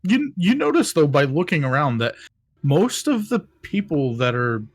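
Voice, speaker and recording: A man's voice: a little high, very animated, normal speed, dry recording. A man narrating as game master, rambling, with many ums and restarts.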